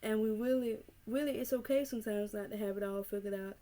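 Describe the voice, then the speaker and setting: A woman's voice: medium pitch, quick pace, dark tone. A nineteen-year-old woman from North Carolina, talking earnestly to her camera in a casual vlog and repeating her points to encourage the viewer. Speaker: vlogger. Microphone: camera mic.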